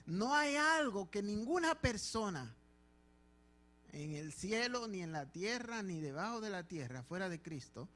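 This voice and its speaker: A man's voice: a little high, a bit bright. A man with a Dominican Spanish accent, a pastor preaching a sermon in church with emphatic, repeated phrases. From Dominican Republic.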